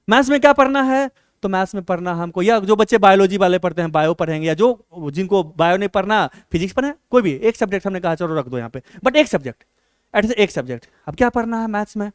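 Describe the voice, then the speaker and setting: A man's voice: sits high, clear, resonant tone, no echo, clean studio sound. A male teacher, giving casual study advice and often checking in with his listeners as he talks. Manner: chatty, repeats "है ना" often.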